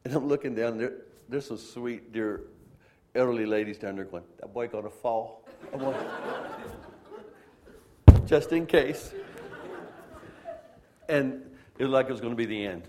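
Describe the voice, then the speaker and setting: A man's voice: mid-range voice, measured pace, pauses often, a crowd in the background, noisy background. A man, a pastor, preaching a sermon and telling a funny, self-deprecating story to his congregation. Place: church.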